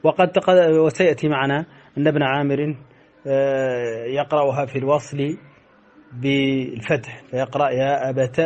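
A man teaching Quranic recitation rules, speaking in a measured way with many pauses and chanting the verse quotations he cites. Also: mid-range voice. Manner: measured, flat teaching delivery with frequent "aah" pauses. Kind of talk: explaining recitation rules in a lesson.

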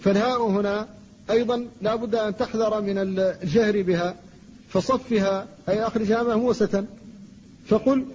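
Man, high voice, lecturing teacher, careful drawn-out demonstrations, muffled lo-fi sound. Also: mellow, slightly rough, big-room sound. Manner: slow, deliberate demonstrations of pronunciation. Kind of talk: classroom lecture. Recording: dull lo-fi recording with faint noise.

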